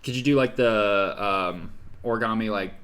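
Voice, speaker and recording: A man hosting a casual podcast chat, asking questions and chiming in with quick encouraging replies. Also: lowish voice, a bit bright. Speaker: podcast host.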